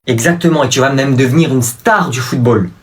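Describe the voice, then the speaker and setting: A man's voice: medium pitch, fairly quick, lightly acted. A man playing a cheerful father patiently coaching his son. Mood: encouraging. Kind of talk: comedy sketch acting.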